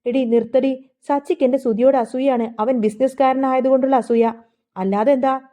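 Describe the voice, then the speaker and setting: A sharp-tongued, scheming middle-aged mother, scolding and scornful, read out by a woman narrator. High pitched and mellow in tone. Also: steady tone, moderate pace, lightly acted.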